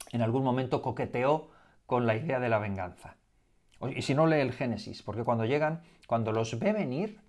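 A man's voice: mid-range voice, darkish tone. A man preaching a sermon as pastor, emphatic and full of rhetorical questions aimed at the congregation.

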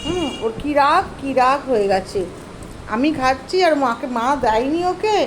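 A high-pitched woman talks to the camera at home, fondly coaxing her pet in a soft baby-talk manner. The phone recording carries clear background noise. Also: animated, moderate pace, rough recording. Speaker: vlogger talking about her pet. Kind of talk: casual vlog narration. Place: home, indoors.

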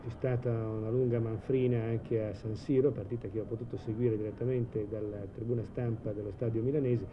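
A man giving measured live football commentary in a 1980s TV broadcast style, hesitating now and then mid-sentence. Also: lowish voice. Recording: old TV broadcast, steady stadium noise.

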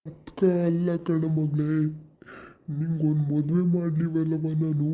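A man playing an earnest village uncle with a dark tone. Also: a little high. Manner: earnest, pleading, scolding the aunt. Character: tearful, caring village uncle, middle-aged man. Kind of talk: village family skit.

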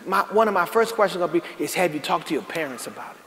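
High-voiced preaching pastor in echoey hall. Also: male voice, expressive, rapid-fire, sharp tone. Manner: preaching with rising emphatic bursts; folksy, calls out to the congregation. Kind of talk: sermon. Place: large church sanctuary. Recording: echoey church hall with faint noise.

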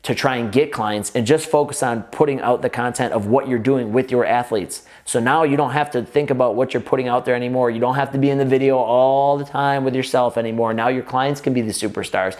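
A US man offers business advice to prospective gym owners, speaking to the camera from a table in an indoor office with an off-camera mic. His voice is medium-pitched and a little fast with hardly any pauses, full of energy, run-on sentences and frequent restarts while both hands gesture.

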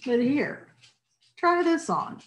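A puzzled king, as a woman puts him on, asks question after question in surprise. The voice rises high and sits above the narration. It is read aloud slowly, like a storybook. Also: sing-song, heavily acted. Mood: obliging. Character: puzzled older king, a man of rank.

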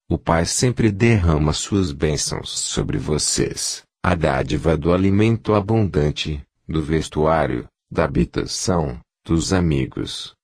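A man reading a religious book aloud as an audiobook, in a calm, measured narration. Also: low voice, no echo, clean studio sound. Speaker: audiobook reader.

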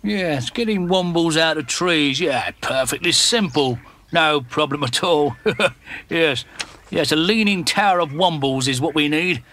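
An actor voicing a practical, bossy older male womble who gives brisk orders in a cartoon. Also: fairly high pitch, pushed and bright. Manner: brisk, commanding. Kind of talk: cartoon voice acting.

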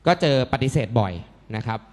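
Male panel guest, measured and a little hesitant, hall reverb. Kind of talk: panel discussion talk. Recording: echoey event hall.

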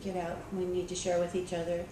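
A school librarian speaks fairly quickly in a lowish, monotone voice while telling a story at a conference. She is conversational and often says um or restarts. The sound comes from far off in an echoey conference room, with background noise.

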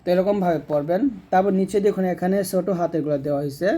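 Mellow-voiced man teaching Quran reading. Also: high-pitched. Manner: patient, drills letter sounds slowly one by one. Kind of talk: recitation lesson.

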